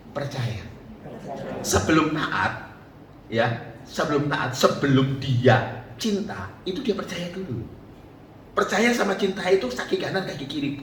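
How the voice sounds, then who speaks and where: A man's voice: fairly high pitch, fairly bright tone. A man preaching a sermon as pastor, joking and often asking the congregation questions. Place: church hall. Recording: distant, echoey church hall with faint noise.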